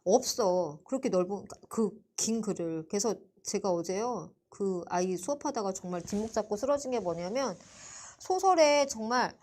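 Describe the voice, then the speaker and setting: Lively, teasing woman tutor. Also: mid-range voice, normal speed, a little hiss or hum. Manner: chatty, teasing, lively, quizzes students by name. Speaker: Korean literature tutor. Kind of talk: live online class. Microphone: computer mic for a livestream.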